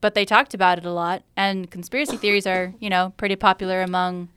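Giggly young woman, smooth dry voice. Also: lowish voice, steady tone, fast, fairly bright tone, no room sound. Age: 20s. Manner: easygoing, giggly, hedges with "like". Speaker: student co-host. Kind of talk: casual chat.

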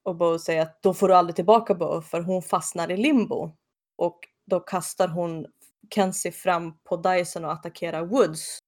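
A woman casually recapping a TV episode, animated and jumping into quick comic voices for the characters. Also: on the low side.

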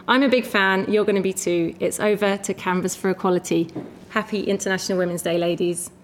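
A woman introducing a festival event quickly and enthusiastically. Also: medium pitch, fairly even intonation, a little hiss or hum. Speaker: festival presenter.

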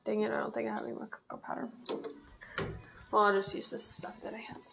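Chatting through a recipe in her home kitchen, a young podcast host rambles and makes fun of herself in a casual cooking talk. She speaks fast in a mid-range, gravelly voice with a completely flat delivery, over a noisy background.

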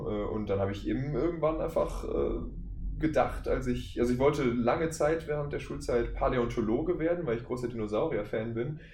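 Sitting in an indoor room with the hosts, this guest, a German voice actor in his twenties from Wuppertal, keeps the interview loose with self-deprecating jokes. He has a mid-range, slightly mellow voice. The recording carries a roomy echo and some faint background noise.

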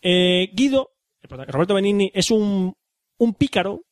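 A man's voice: high-pitched, animated, moderate pace, no room sound, studio quality. A man hosting a casual chat, retelling a film's story with many fillers and restarts. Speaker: podcast host. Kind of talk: casual chat about a film.

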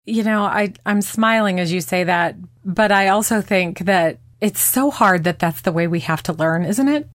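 A woman's voice: mid-range voice, moderate pace, hardly any pauses, dry recording. Woman podcast host, dry close sound. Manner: warm, affirming, laughs easily. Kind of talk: casual faith conversation.

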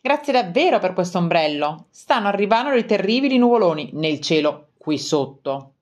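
A cheerful, quirky female bat from a picture book speaks in a raised, lively voice, as a woman reading aloud puts her on. She states odd things in a bright, matter-of-fact way. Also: on the low side, normal speed, pitched above the performer's own voice.

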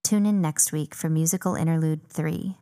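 A woman's voice: deep voice, fairly even intonation, normal speed, warm tone. A woman narrating as a formal archivist logging recordings as evidence, in a procedural, scripted delivery.

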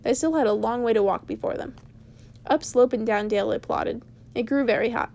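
A woman reading a storybook aloud to her brother at a steady, unhurried pace. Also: on the high side, gravelly. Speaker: reader. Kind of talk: storybook read-aloud narration.

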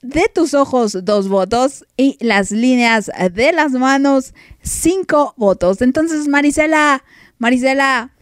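A woman's voice: high voice, takes it slowly, dry recording, studio quality. A woman hosting a casual music podcast, teasing her listeners with mock outrage and frequent laughs. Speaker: podcast host.

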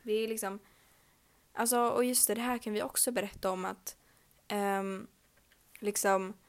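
Gravelly-voiced young woman chatting casually. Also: mid-range voice, fairly even intonation. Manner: rambling, many fillers, joking. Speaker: podcast host. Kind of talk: casual podcast chat.

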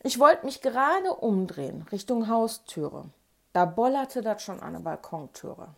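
Animated woman telling a story in Ruhr German. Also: on the high side, unhurried, gravelly. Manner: animated, colloquial. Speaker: narrator. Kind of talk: memoir storytelling.

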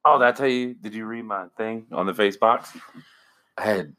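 A man's voice: fairly low pitch, moderate pace, pushed and bright. A man co-hosting a casual podcast, goofy and joking, wandering off on tangents. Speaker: podcast co-host.

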